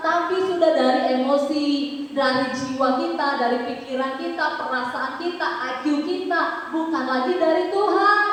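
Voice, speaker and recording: Woman preacher, high voice, emphatic and repetitive, long church echo. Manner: emphatic, repeats phrases, asks the congregation questions. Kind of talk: sermon. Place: large church hall. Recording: very echoey church hall, faint noise.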